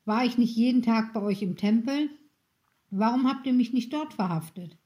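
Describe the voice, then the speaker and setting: A woman reading the part of Jesus, a calm and earnest grown man, in a storybook. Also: fairly high pitch, normal speed, natural voice. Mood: reproachful.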